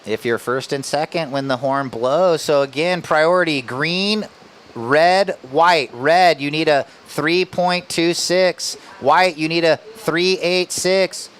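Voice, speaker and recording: A man's voice: on the high side, takes it slowly, a bit bright, a little hiss or hum. A man doing live surf contest commentary, calling scores and priorities in a laid-back, casual surfer way with slang.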